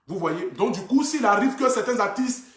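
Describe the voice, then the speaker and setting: A social media influencer sits indoors, chatting casually to viewers on a phone livestream in an echoey room. His voice is high and fairly bright, animated and at a normal pace. He comes across as earnest and repetitive, leaning on fillers such as "voilà" and "donc du coup".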